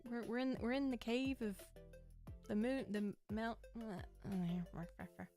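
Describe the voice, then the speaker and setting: A woman's voice: fairly high pitch, takes it slowly, warm tone. A young woman chatting casually while playing a game on stream, rambling and laughing often with many restarts. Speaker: VTuber streamer. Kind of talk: casual livestream chat while gaming. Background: faint game music.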